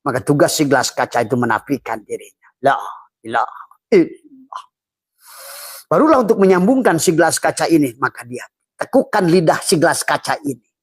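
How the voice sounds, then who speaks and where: Husky-voiced middle-aged spiritual teacher. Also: male voice, a little high, very animated, fairly quick, pauses often, dry recording. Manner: chuckles often between phrases; calls himself a fatherly elder, addresses listeners as friends.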